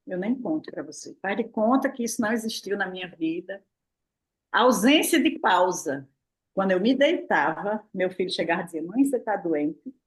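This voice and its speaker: A woman's voice: mid-range voice, normal speed. An older woman speaking as a therapist, in a casual, playful talk, often asking herself questions. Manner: lively, playful, full of "né?" and rhetorical "o quê?". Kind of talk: casual explanatory talk to a live online audience.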